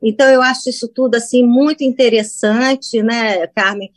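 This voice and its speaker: A woman's voice: on the high side, fairly even intonation, normal speed, no echo. A woman from Brazil, a musician guest on a radio interview, talking about her work in a chatty way with plenty of restarts and fillers. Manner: warm, rambling, with many restarts.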